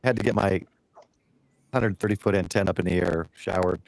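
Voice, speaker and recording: A low-voiced man with a gravelly edge comes through a video call microphone that crackles and breaks up. He talks quickly and casually, in the hurried way of someone who just got in from work. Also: steady tone. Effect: crackling, breaking-up microphone audio. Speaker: guest calling into a live stream. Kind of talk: casual chat.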